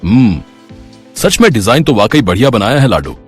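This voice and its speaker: An easygoing middle-aged father in a cartoon story, as a man acts him out, jovial and fond of teasing. His mid-pitched voice moves in an animated way, with faint music underneath. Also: normal speed, slightly rough.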